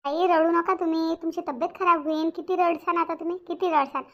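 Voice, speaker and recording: A woman voicing a soft-spoken young woman in a cartoon, soothing a crying mother. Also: extremely high pitch, fairly even intonation, brisk, lo-fi sound. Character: young woman, the daughter's gentle friend.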